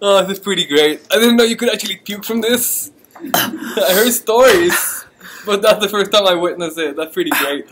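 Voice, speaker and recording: A young man chatting casually and excitably while taking part in a gross jelly bean eating challenge. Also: high voice, normal speed. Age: young adult. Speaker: challenge contestant. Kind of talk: casual chat. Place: large indoor common room. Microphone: camera mic, a little way off. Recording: noisy room, off camera microphone.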